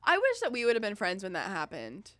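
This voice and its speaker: A young woman banters on a podcast in a bright, forward voice. She talks fast and loose, with plenty of slang and jokes. The close mic is dry, with no room sound. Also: medium pitch, wildly swooping pitch, no echo. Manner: quick, joking, slangy. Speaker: podcast co-host. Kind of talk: casual chat.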